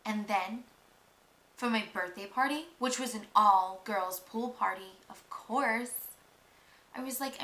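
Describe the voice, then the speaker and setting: A woman's voice: medium pitch, pushed and bright. A young woman performing a monologue as a mean, spiteful, popular teenage girl, with a catty, gossipy, mock-sweet drawl. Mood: scornful. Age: young adult. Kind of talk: acted film monologue. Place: small room indoors. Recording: roomy, echoey home recording.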